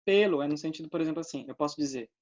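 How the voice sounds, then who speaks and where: A man's voice: a little high, rapid-fire, a little mellow, highs cut off. Brazilian man teaching grammar online. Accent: Brazilian Portuguese. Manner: explanatory, checks in with frequent "tá?" and "né?".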